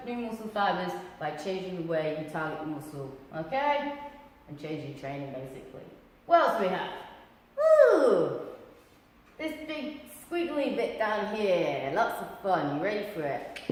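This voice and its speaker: Bubbly woman in an echoey hall. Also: mid-range voice. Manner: bubbly, cheeky, whoops and asides. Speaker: fitness coach. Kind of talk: casual fitness talk to camera. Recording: echoey hall with faint noise.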